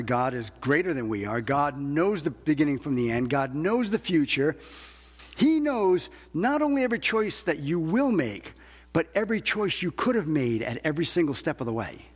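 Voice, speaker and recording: A preacher delivers a sermon to his congregation, emphatic, repeating phrases and posing rhetorical questions. His voice is husky and a little high, and the recording has long hall reverb.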